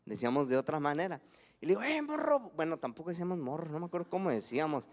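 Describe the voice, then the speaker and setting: A man's voice: a little high, racing, darkish tone. A man with a Mexican accent preaching a conversational sermon, asking his congregation questions and acting out stories from his childhood. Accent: Mexican Spanish. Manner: conversational, acts out anecdotes and asks the congregation questions. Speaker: pastor.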